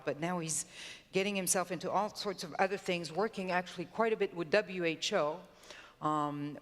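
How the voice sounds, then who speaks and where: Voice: medium pitch, a bit bright. A moderator introducing a speaker at a conference, hesitant with many "um"s. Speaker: session moderator. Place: conference hall. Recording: long hall reverb.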